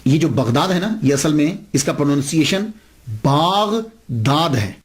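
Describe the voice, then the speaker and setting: A man's voice: a little high, animated, a little mellow. A man telling a saint's story as a sermon, acting out the dialogue with big swings in his voice. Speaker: Islamic preacher.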